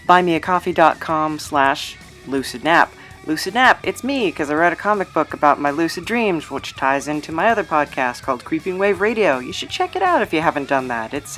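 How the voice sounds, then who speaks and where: A low, fairly bright voice belongs to a woman running a podcast. She jokes around with mock seriousness through casual, unscripted interview and show chatter.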